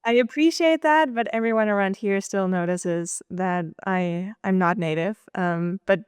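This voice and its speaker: A woman's voice: medium pitch, measured pace, clean tone, no echo, clean studio sound. A woman from Austria with a light Austrian accent, chatting as a podcast guest with lots of ums and restarts. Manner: chatty, many ums and restarts, laughs easily. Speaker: guest, nutritional scientist. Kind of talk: casual podcast conversation.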